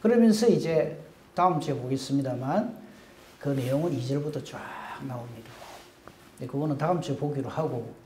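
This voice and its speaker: A man preaching a sermon as pastor, animated and lively, acting out the quoted speech with sudden bursts. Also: on the high side, roomy sound, a little hiss or hum. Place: church sanctuary.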